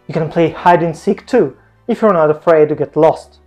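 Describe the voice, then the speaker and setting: A man's voice: fairly high pitch, normal speed, a little mellow, faint music behind. Playful man vlogging with a lapel mic. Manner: playful, jokey asides. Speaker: travel vlogger. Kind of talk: scripted travel vlog narration. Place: home room, indoors.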